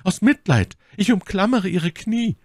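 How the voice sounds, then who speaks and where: A man's voice: high voice, lively intonation, unhurried, no echo, clean studio sound, voice pushed up, exaggerated voice. A man putting on a desperate scheming noblewoman. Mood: pleading. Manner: pleading, theatrical, fervent. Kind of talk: audiobook reading.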